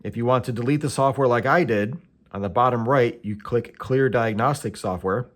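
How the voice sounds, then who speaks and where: An American man with a medium-pitched voice, speaking at a normal speed, hosts a casual product walkthrough. He hosts tool review and how-to videos and explains each step in a plain-spoken, matter-of-fact way.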